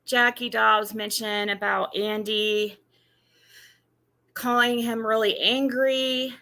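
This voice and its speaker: A woman's voice: a little high, level tone, slow, sharp tone. A woman giving casual live commentary, thinking aloud as a host.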